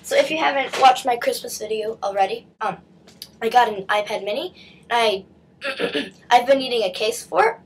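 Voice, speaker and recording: Stuffy-nosed and chatty, a teen girl runs through her shopping haul for her vlog, peppering it with "likes" and restarts. Her voice is on the high side at a moderate pace, captured by a desk-distance webcam in a small bedroom, and the recording is low quality with slight background noise.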